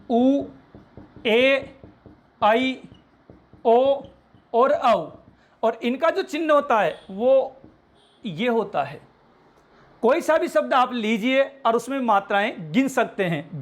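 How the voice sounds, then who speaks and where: A man's voice: very high voice, fairly bright tone. A man teaching a Hindi grammar lesson in a patient classroom manner, often asking questions and then answering them himself. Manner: patient, repeats reminders to pay attention. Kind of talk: classroom lecture.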